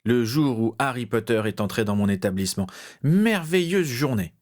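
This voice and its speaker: A man's voice: medium pitch, expressive, normal speed, a little mellow, close to an everyday voice. A man voicing a jovial, chatty male barman who talks in effusive bursts. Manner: effusive, exclamatory.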